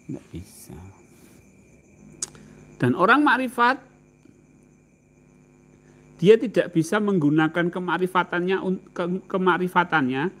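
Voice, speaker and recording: Animated high-voiced Javanese preacher. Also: male voice. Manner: asks the audience questions, drawn-out emphatic phrasing. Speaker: religious teacher. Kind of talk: informal religious lecture to a live group.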